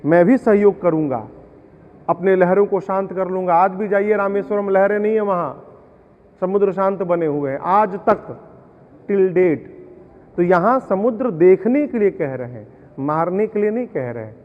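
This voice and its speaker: Male devotional storyteller with a high voice, explains verses through parables, heard as tinny audio from a reverberant hall. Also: moderate pace. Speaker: Ramayana storyteller. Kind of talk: devotional discourse with sung verses.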